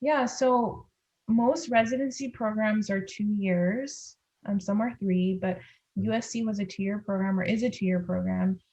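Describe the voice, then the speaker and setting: Appearing as a podcast guest, a Californian-accented woman from Los Angeles who works as a pediatric dentist answers questions in casual conversation. She has a medium-pitched, darkish voice and a measured pace, recorded on slightly dull lo-fi audio.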